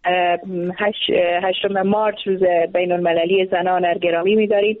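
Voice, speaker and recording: A woman with an Afghan Dari accent, a radio guest giving measured, hopeful closing remarks. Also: fairly low pitch, little pitch movement, dry recording. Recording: tinny phone line.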